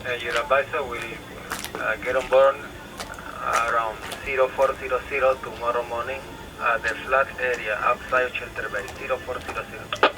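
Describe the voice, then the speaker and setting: Guy on the marine radio from port control, flat voice, lots of static hiss. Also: mid-range voice, normal speed. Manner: terse radio procedure, repeats times in numbers. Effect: marine VHF radio. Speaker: canal port control operator. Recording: noisy crackly radio transmission.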